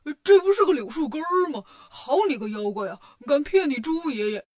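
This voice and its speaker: A woman voicing a clumsy, greedy male pig monk with a drawn-out, whiny way of talking in a storybook tale. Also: fairly high pitch, natural voice. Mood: indignant.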